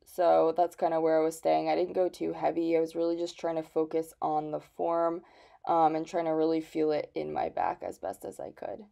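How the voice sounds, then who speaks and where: A woman's voice: deep voice, little pitch movement, moderate pace, creaky, dark tone. Chatty young woman vlogging. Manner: chatty, many fillers, casual swearing. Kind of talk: casual vlog talk to camera. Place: gym, then at home.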